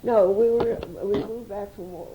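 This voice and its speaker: A woman's voice: medium pitch, steady tone, normal speed, muffled recording, background noise. An older woman reminiscing chattily as an interviewee, with frequent restarts.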